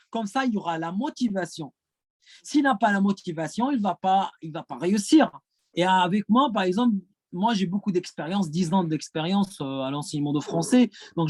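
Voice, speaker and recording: At a conference, a French teacher from Gaza, Palestine answers questions in French colored by his native Arabic, hesitating and repeating words throughout. His voice sits high with a darkish tone, recorded without echo.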